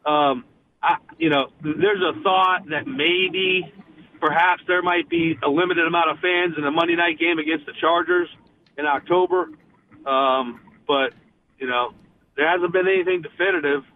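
Brief: fired-up male sports radio guest, tinny phone-line sound, slightly high voice. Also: steady tone, normal speed, a little hiss or hum. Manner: impassioned, frustrated, many restarts.

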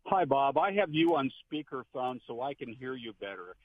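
A man's voice: mid-range voice, sing-song, normal speed. An older man, a retired pastor, calling in to a radio show on a speakerphone and telling stories in an earnest, meandering way. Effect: speakerphone on a phone line. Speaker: caller, retired Protestant pastor. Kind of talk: call-in radio chat. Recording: tinny speakerphone call with faint background noise.

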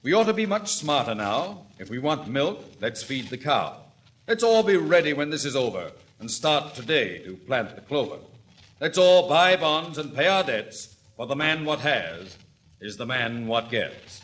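An actor playing a genteel, fussy town mayor, pompous and given to stammering, in 1940s radio comedy style. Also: male voice, medium pitch, very animated, measured pace, a bit bright. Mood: declaiming. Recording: noisy old radio broadcast.

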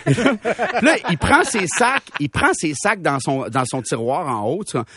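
A young man with a Québécois French accent, telling a comic story on a radio show with slangy, animated delivery and laughs at his own jokes. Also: on the high side, normal speed, a little hiss or hum. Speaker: radio show humor columnist.

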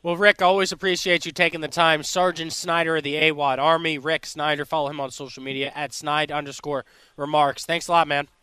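A man hosting sports talk radio with a bright, forceful edge. His voice sounds crisp and clean in a dry, close sound, and he rants emphatically. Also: fairly high pitch, fairly even intonation, fairly quick, no room sound. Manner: emphatic, worked-up ranting. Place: live broadcast from a restaurant bar.

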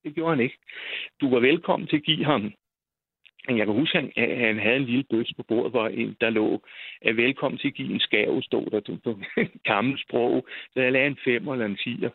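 A man's voice: medium pitch, husky, no echo. An older man telling a personal story in a rambling way, full of hesitations and repeated words. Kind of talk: casual storytelling. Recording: tinny phone line.

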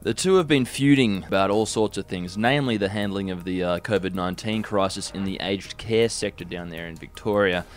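A man's voice: sits low, a little fast, few pauses, soft background music. An Australian man co-hosting satirical news with dry, mock-earnest commentary. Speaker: co-host of satirical news show.

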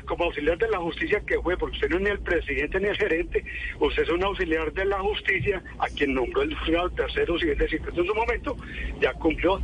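Casting: Colombian male lawyer as radio guest, colloquial explainer, voice a little high, slight background noise. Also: fairly bright tone, low-quality recording. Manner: courteous, colloquial with diminutives. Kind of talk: explanatory radio interview answers.

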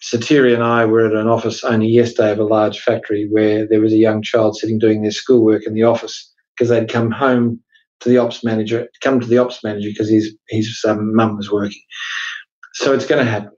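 A man's voice: lowish voice, little pitch movement, brisk, a little mellow, muffled recording. A man co-hosting a casual podcast on workplace law, chatty and emphatic, posing rhetorical questions as he explains. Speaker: podcast co-host, workplace lawyer. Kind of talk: casual legal discussion podcast.

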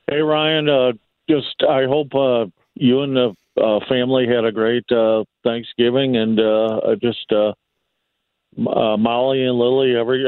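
A man calling in to a radio show over the phone, chatting casually and haltingly, with many fillers and restarts. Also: medium pitch, smooth, no room sound. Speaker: caller. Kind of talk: casual call-in chat. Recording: tinny phone line.

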